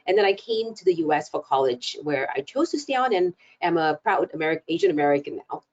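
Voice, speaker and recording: Low-voiced woman from Singapore. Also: animated, quick pace. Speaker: panelist, communications lead. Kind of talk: webinar panel introduction. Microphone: video call. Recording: muffled video call audio.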